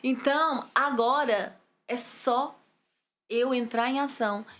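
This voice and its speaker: A woman's voice: sits high, slow pace. Fervent Brazilian woman giving testimony. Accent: Brazilian Portuguese. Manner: fervent, animated storytelling. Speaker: guest, psychologist and pastor. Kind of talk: testimony interview.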